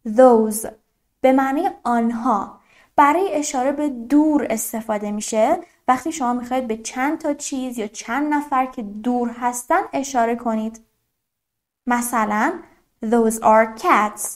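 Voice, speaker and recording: Woman tutor, slightly high voice, patient, repeats each word slowly for beginners. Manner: patient, repeats words slowly and carefully for pronunciation. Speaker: English teacher. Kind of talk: beginner language lesson.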